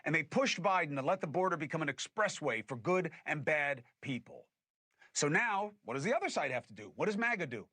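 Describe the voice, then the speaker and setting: A man hosting a podcast, giving emphatic, animated political commentary. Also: a little high, brisk, no room sound. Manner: emphatic and animated, with scornful laughs. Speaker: podcast host.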